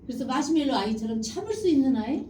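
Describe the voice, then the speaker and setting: A middle-aged woman giving a lively lecture on parenting. She acts out short parent and child lines as she teaches. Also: high-pitched, fast talker, recorded from a distance, slight background noise. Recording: roomy hall, speaker away from mic.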